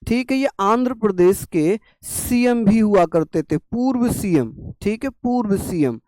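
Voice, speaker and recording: A man's voice: sits high, animated, a little slow, a little mellow, dry recording. A young man gives an online exam-prep lecture while his throat is sore. He coaxes and scolds the students to keep writing. The recording is close and dry. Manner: coaxing, scolding students to take notes. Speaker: teacher.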